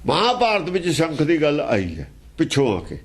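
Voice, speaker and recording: A man's voice: fairly high pitch, wildly swooping pitch, moderate pace. A man teaching scripture in an emphatic, argumentative way, asking pointed rhetorical questions. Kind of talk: explaining scripture verse by verse.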